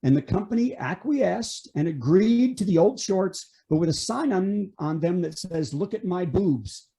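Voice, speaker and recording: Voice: mid-range voice, lively intonation, moderate pace, gravelly, mellow. A comedian delivering a topical monologue of punchy late-night jokes, setting up news items and landing punchlines.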